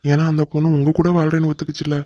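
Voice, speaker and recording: A man's voice: on the high side, monotone, very fast, mellow, dry recording, lightly acted. A man voicing a cheeky young male assistant in a cartoon drama, teasing his boss. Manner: teasing, playful. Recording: dull lo-fi recording.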